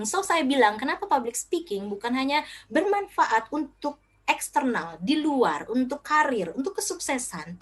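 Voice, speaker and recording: Lively middle-aged woman giving a parenting talk. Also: on the high side. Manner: lively, acts out quoted child and parent lines. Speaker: parenting speaker. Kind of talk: short seminar talk.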